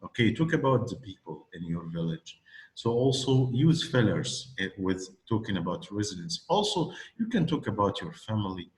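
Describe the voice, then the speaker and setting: Egyptian man teaching, halting with fillers. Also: on the low side, very animated, roomy sound, poor audio. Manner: hesitant, many fillers and restarts. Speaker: English teacher. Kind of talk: one-on-one speaking lesson.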